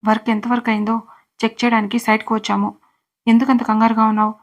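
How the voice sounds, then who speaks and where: A woman's voice: fairly high pitch, level tone, quick pace, lightly acted. A woman voicing a stern young male boss who questions curtly in a storybook reading. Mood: puzzled. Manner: questioning, curt.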